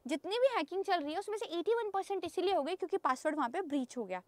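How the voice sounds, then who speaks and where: Woman lecturer, very high-pitched, chatty and checking in, mixes English terms, dry recording. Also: lively intonation, quick pace, a little mellow, no room sound. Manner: chatty, keeps checking in with students. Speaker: teacher. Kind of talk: exam-prep lecture.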